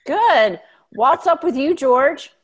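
A woman's voice: sits high, expressive, takes it slowly. Woman hosting a casual podcast. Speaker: podcast host.

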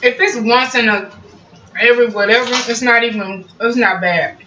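A woman with a slightly high, sharp-toned voice and fairly even intonation talks at a moderate pace. She's a cooking vlogger eating at home, humming through bites and calling her viewers y'all. Soft music plays behind a roomy, distant, muffled kitchen recording.

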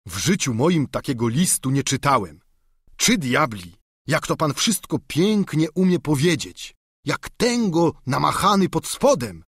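Guy reading does a chatty peasant squire, folksy and eager, voice pushed up high, dry sound. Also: big pitch swings, a little slow, a bit bright, breathy edge, no echo, full character voice. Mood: amazed. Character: simple talkative peasant squire, middle-aged man. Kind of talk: audiobook character reading.

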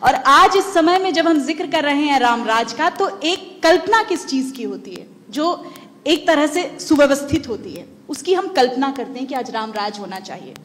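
High-voiced woman anchor, hall echo. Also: expressive, moderate pace, a bit bright. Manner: polished, formal questions. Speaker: TV panel anchor. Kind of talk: formal moderating. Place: large stage hall with audience. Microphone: handheld mic. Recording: long hall reverb.

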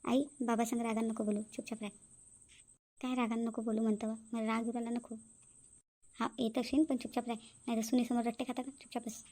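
A woman voicing a young daughter in a cartoon, coaxing her mother in a hushed way. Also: on the high side, completely flat delivery, rapid-fire, hardly any pauses, natural voice. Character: young daughter, soothing peacemaker. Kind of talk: cartoon voice acting.

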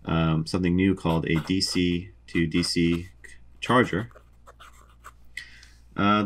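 A young man calmly explains a boat's electrical wiring while drawing a diagram, methodical, with frequent ums. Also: low-pitched. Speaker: sailing vlogger explaining a boat electrical system.

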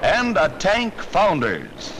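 A man's voice: sits high, huge pitch swings, takes it slowly, noisy background. A man narrating a 1940s newsreel in a rousing, emphatic announcer style, with the sound of an old newsreel. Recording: narration over loud orchestral music.

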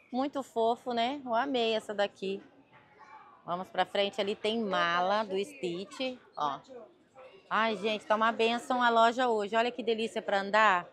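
A woman with a Brazilian Portuguese accent, chatting to viewers in a gushing, casual shopping vlog. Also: mid-range voice. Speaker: travel vlogger.

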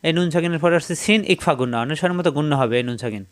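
A man teaching Quran reading, spelling each syllable slowly and then chanting the verse in a raised voice. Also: fairly high pitch, clean tone. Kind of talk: spelling-out recitation lesson.

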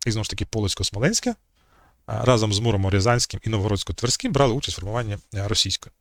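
A man's voice: fairly low pitch, lively intonation, racing, a bit bright, dry recording. A man giving an unscripted talk on language history as channel host, hesitating often with fillers and restarts.

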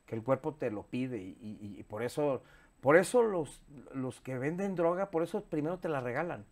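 A man in his fifties with a Mexican accent, talking candidly as an interview guest, animated and swearing freely, recorded on a lapel mic in a studio. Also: medium pitch, normal speed. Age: 50s. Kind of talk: casual interview chat. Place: studio set with sofa.

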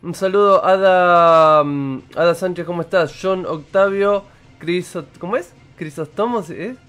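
A man's voice: high-pitched, a little slow, fairly bright tone, clear, resonant tone, faint music behind. Chatty Argentine man streaming a game. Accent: Argentine Spanish. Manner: chatty, greets viewers while playing. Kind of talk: casual live stream chat. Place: indoor room with purple lighting.

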